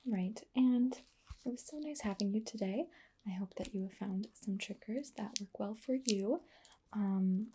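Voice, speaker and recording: A woman whispering softly through an ASMR roleplay, pausing often with fillers as she explains each trigger. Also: medium pitch, slight background noise. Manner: soft whispering with frequent fillers. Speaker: ASMR artist.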